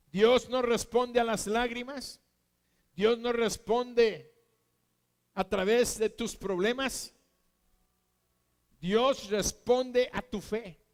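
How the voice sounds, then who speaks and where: A man with a Mexican accent preaching a sermon in an earnest, emphatic, repetitive way. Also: very high voice. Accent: Mexican Spanish. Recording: long hall reverb.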